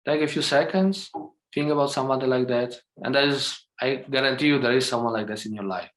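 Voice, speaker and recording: A man guides a slow, gentle meditation on a video call, his English carrying non-native phrasing. His voice sits at an ordinary pitch and has a roomy echo. He keeps checking in softly with "okay?". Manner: gentle, calm, often checks in with a soft 'okay?'. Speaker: meditation teacher.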